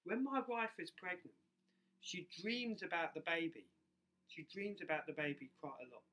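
Male preacher, bright forceful tone, slightly high pitch, says R like W, drives points home by repetition. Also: moderate pace. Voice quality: soft R's pronounced close to W. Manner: repeats key phrases for emphasis. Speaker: preacher in ministry. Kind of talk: sermon.

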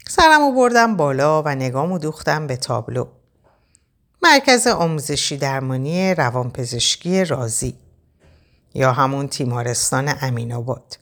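A woman narrating a first-person story aloud, expressive and tense. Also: low-pitched. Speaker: audiobook narrator.

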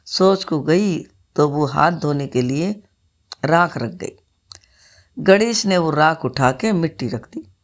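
A woman, telling a religious folk tale in a plain, homely way. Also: sits low. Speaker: storyteller.

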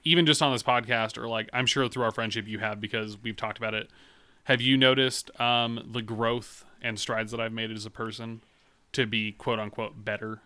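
A man's voice: mid-range voice, pushed and bright, smooth. A young man in his twenties, co-hosting a podcast in crude casual chat, swearing a lot and telling stories with animation. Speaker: podcast co-host.

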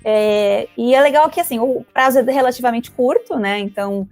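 Quick, chatty woman explaining finance. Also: on the high side, a little mellow, no room sound. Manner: quick, chatty, many fillers like "né" and "então". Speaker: financial advisor guest. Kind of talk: casual interview explaining investments.

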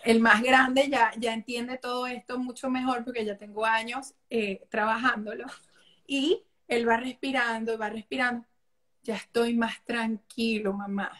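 High-voiced woman telling stories. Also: flat delivery, moderate pace. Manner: warm storytelling, acts out family quotes. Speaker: holistic therapist guest. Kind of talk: casual interview conversation.

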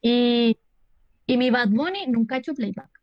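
A woman, co-hosting a casual chat in a relaxed way and laughing easily. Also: on the high side, moderate pace, muffled recording. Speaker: podcast co-host.

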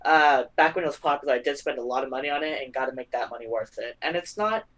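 A male podcast guest talks easily, pausing on ums and uhs as he answers questions. His voice stays at an unremarkable middle pitch in casual chat. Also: low-quality recording. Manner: relaxed, hesitant, with ums and uhs.

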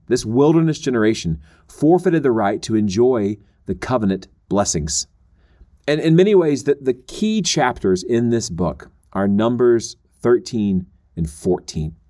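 A man's voice: medium pitch, a little mellow. An earnest man teaching on a podcast, laying out his points patiently in a mid-range voice. He now and then slips into the voices of the people he quotes. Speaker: Bible teacher.

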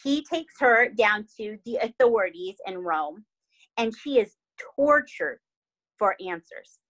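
A woman's voice: mid-range voice, slow, poor audio. Chatty woman telling a dramatic story. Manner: animated, dramatic, heavy use of "like" and "right?". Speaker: podcast host telling a true crime story. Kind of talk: casual storytelling chat.

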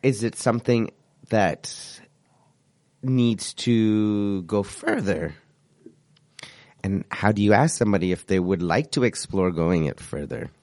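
Hoarse man hosting radio. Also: lowish voice, slow pace, long pauses, darkish tone, no room sound, clean studio sound. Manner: rambling, searching for words. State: hoarse from a cold. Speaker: radio show host. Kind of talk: casual radio chat.

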